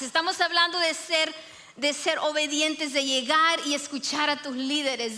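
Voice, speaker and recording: A woman's voice: high voice, sharp tone. A woman preacher giving a sermon, telling the story with animation and speaking directly to the congregation. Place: church sanctuary. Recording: reverberant church hall.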